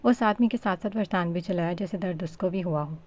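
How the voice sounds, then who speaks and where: A woman narrating a romance novel as a steady, scripted audiobook reading. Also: lowish voice, brisk. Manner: steady, storytelling.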